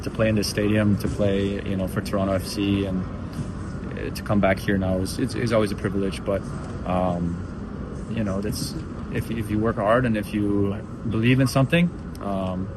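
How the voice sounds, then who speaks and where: A young man from Belgium, a professional footballer, answering post-match interview questions thoughtfully with many restarts. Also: on the low side. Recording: noisy outdoor stadium interview.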